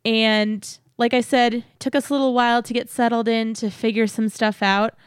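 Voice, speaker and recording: A woman's voice: on the high side, flat delivery, normal speed, clean tone, dry recording, clean studio sound. A woman hosting a podcast, giving listeners a chatty update in a cheery, enthusiastic way. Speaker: podcast host. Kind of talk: upbeat podcast announcement, chatty.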